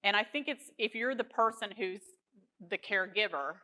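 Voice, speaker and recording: A woman hosts a casual panel discussion on caregiving, reflecting on and summarizing her guest's points to clarify them. Her medium-pitched voice is pushed and bright at a normal pace, though the audio quality is poor.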